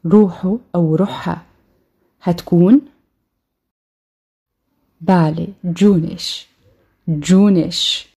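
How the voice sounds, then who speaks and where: Husky Egyptian woman teaching slowly. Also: lowish voice, steady tone, dark tone. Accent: Egyptian Arabic. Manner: slow, repeats each word twice for drill. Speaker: language teacher. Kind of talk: recorded online lesson.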